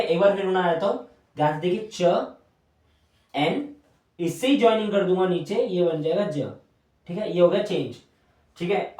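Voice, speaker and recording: Guy teaching shorthand on a whiteboard, high voice, echoey room, mic kinda far off. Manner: patient, repeats each stroke aloud while drawing. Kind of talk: whiteboard lesson.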